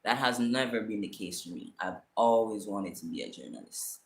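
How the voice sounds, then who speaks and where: A young man in his twenties with a Jamaican accent, telling a personal story in a casual livestream, animated and emphatic, often asking "you see me?". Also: fairly low pitch, normal speed, creaky, slight background noise. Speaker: vlogger. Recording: echoey room.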